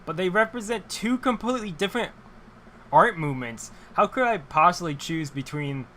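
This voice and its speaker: A man's voice: high-pitched, animated, normal speed, pushed and bright, a little hiss or hum, voice pushed up. A man voicing an earnest, argumentative art-snob dad in a game read-aloud, with a fan running. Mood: earnest, exasperated.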